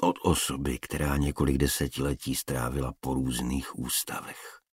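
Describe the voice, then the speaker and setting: Very deep husky male narrator. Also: little pitch movement, no echo, studio quality. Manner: measured dramatic reading. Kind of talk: audiobook narration.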